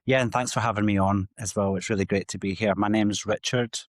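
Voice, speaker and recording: A Scottish man with a low, steady voice that barely rises or falls. He speaks openly and reflectively as a podcast guest, his voice close and dry with no room sound. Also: fast, no echo. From Scotland. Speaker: psychotherapist guest. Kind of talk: candid personal interview.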